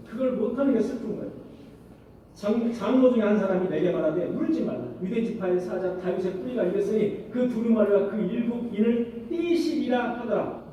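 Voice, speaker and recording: This pastor's voice is extremely high and warm, captured in lo-fi sound with a bit of background noise. He preaches in a church sanctuary, frequently questioning the congregation and answering himself, recorded from a distance in an echoey hall.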